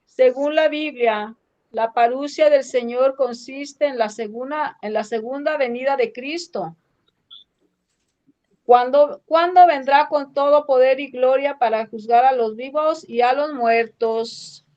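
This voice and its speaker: A woman with a Mexican accent reading scripture aloud slowly and carefully in a Bible study class. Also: high voice, darkish tone. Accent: Mexican Spanish. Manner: slow, careful reading with pauses. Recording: dull lo-fi sound.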